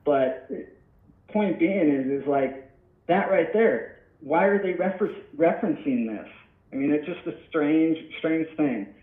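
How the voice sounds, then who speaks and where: A man's voice: fairly high pitch, animated, unhurried. A man in his thirties, a podcast guest in casual talk, rambling and reflective with many restarts, heard over the phone. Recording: tinny, echoey phone line.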